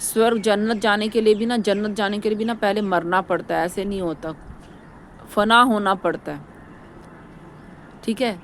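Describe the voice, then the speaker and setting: A woman talking straight to her viewers in a casual vlog, rambling and repeating her points in a preachy way. Her voice sits at an ordinary middle pitch. A faint hum from traffic runs behind her. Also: steady tone, normal speed, long pauses. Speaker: vlogger.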